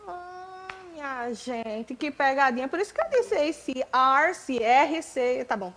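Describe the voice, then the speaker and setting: A woman in her forties with a Brazilian accent, preaching in church, telling her own story with jokes and loud emphatic bursts. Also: sits high, sing-song, a little slow, a little hiss or hum, poor audio. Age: 40s. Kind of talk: sermon with personal testimony.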